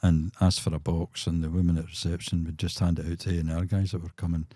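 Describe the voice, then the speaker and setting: A man's voice: low-pitched, level tone, fast talker, warm tone, no echo, clean studio sound. A Glaswegian man in his sixties, a musician guest on a podcast, telling road stories with chuckles and acted-out quotes. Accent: Scottish, Glaswegian. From Scotland. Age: 60s. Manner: chuckling raconteur, acts out quotes. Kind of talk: anecdotal storytelling in a podcast.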